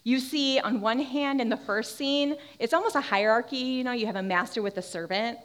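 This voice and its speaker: A woman's voice: a little high, a little fast. A young woman teaching a Bible lesson in a casual, conversational way, acting out the reactions of people in the story. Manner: animated, conversational, acts out quoted reactions.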